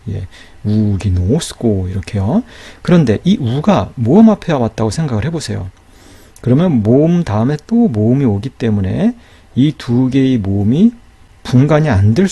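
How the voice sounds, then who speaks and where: A man's voice: mid-range voice, dark tone, breathy edge. A man teaching a grammar lesson in a patient, explanatory way, often checking in with a rising "right?". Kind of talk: recorded lecture.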